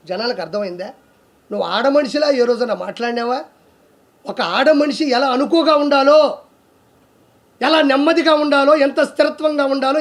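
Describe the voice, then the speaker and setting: A man speaks in a strikingly high voice. He rants at a political target, scornful and accusing, firing one rhetorical question after another. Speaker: political commentator. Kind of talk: heated political rant to camera.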